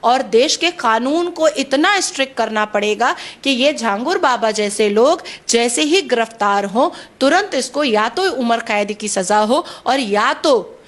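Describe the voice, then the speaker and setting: High-voiced woman posing pointed questions. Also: animated, unhurried. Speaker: commentator.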